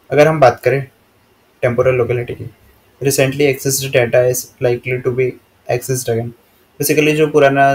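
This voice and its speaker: The speaker is an Indian man teaching from slides; his mid-range voice stays plain and level, scarcely moving up or down. He reads the English lines slowly, one by one, and follows each with an explanation at a steady pace typical of a classroom.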